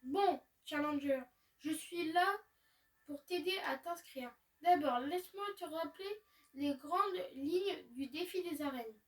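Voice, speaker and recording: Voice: sits high, takes it slowly, distant mic. A gamer reading aloud a polite receptionist who explains the rules of a video game tournament. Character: polite formal league receptionist.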